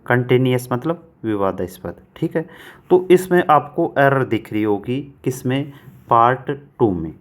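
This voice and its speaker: Guy teaching grammar, keeps asking then answering his own questions, reads the english lines real slow. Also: medium pitch, animated. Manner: reads English sentences slowly, word by word. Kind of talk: exam-prep lesson.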